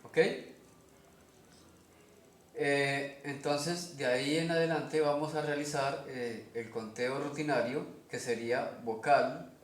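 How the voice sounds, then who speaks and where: A man with a Colombian Spanish accent teaching a language lesson, explaining slowly step by step and often checking in with his listeners. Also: medium pitch, steady tone. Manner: slow, methodical, checks in with "¿ok?". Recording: echoey room.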